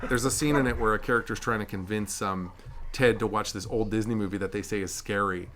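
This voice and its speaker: Low-voiced young man chatting casually. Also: steady tone, brisk, background noise. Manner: rambling, self-correcting, jokey. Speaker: podcast host. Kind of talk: casual chat. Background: dogs.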